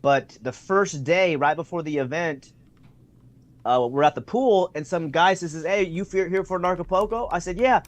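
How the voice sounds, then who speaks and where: In this remote video-call interview, a man speaks at a normal pace in a voice on the high side. He shares stories enthusiastically, filler-heavy, acting out others' remarks.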